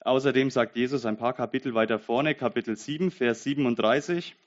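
A young man preaching a sermon in an earnest way, dropping to a soft, intimate voice and then rising to loud, emphatic bursts. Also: medium pitch, brisk, dull audio. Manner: reads Bible verses aloud.

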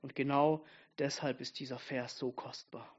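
A man preaching an earnest Advent-style sermon, dropping soft and intimate, then rising to emphatic. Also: medium pitch, steady tone, moderate pace, husky, muffled recording.

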